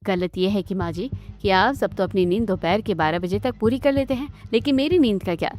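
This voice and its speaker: A woman's voice: medium pitch, a little fast, darkish tone, lightly acted. A woman voicing a tired, fed-up young daughter-in-law in a cartoon story. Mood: weary.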